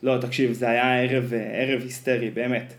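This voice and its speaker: A man hosting a podcast, telling animated stories in casual chat with plenty of fillers. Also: medium pitch. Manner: animated storyteller, many fillers. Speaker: podcast host. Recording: roomy echo.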